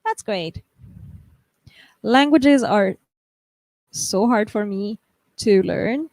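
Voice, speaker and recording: A young American woman hosts a live stream, chatting casually and reading viewer comments aloud, often laughing and restarting her sentences. Her medium-pitched voice is expressive and darkish, and she speaks very slowly. The recording is dry.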